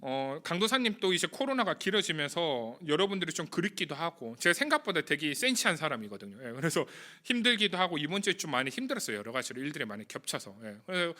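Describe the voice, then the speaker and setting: A man's voice: a little high, big pitch swings, fast, few pauses, bright, forceful tone. A young man preaching to a youth group, speaking in an earnest, emotional, confessional way. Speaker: youth pastor. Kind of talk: sermon. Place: church or home studio for online youth service.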